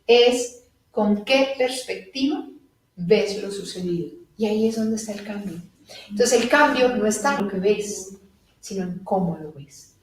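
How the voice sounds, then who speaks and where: A woman giving a live spiritual talk to an audience, animated and laughing as she acts out little dialogues. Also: mid-range voice, measured pace, slight background noise. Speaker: spiritual teacher. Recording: echoey room from a distant mic.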